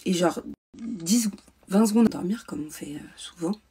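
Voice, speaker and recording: At home under a ring light, a young mother vlogger tells a personal story hesitantly, full of fillers and restarts. Her voice is mid-range, dark and slightly rough, at a moderate pace.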